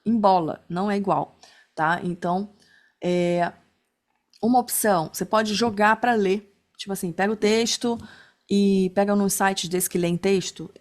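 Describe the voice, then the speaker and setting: A woman giving a relaxed online lesson, talking through her method in a chatty way. She keeps checking in with her listeners as she goes, and her voice sits at an ordinary middle pitch. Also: normal speed. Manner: chatty, many fillers like né and tá. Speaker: instructor. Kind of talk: casual online class talk.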